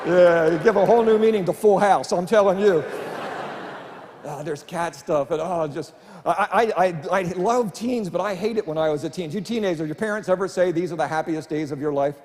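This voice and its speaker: A middle-aged comedian with a high-pitched voice spins chatty, self-deprecating stories. He performs on a church stage, and the sound carries a long hall reverb with faint room noise behind him. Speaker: stand-up comedian. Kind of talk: family-friendly stand-up comedy. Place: church stage before a live audience.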